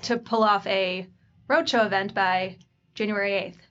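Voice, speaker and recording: A woman's voice: mid-range voice, steady tone, moderate pace, muffled recording, a crowd in the background. A woman copywriter chatting as a podcast guest, wry and laughing often. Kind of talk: casual chat.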